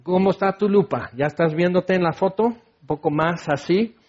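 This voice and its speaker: A man preaching a sermon, animated, acting out biblical voices and sometimes shouting. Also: high voice, normal speed. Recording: dull lo-fi sound.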